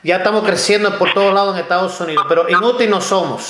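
A man with a fairly high voice hosts an interview. He talks haltingly, often repeating his words. His voice sounds roomy and echoey. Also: heavy background noise. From United States. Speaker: host.

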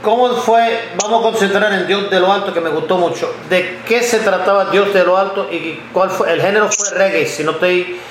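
A man in his fifties from Ohio interviewing a guest, speaking in a halting way with frequent repeated words. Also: high-pitched, a crowd in the background. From United States (Ohio). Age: 50s. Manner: halting, repeats words often while telling a story. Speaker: interviewer, blogger and journalist. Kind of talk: conversational interview. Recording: echoey room with background noise.

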